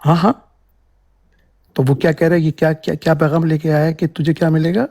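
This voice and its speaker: A man's voice: fairly high pitch, level tone, gravelly, darkish tone, no echo. A man in a heated religious debate, arguing insistently and cutting in. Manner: argumentative, insistent, interrupting.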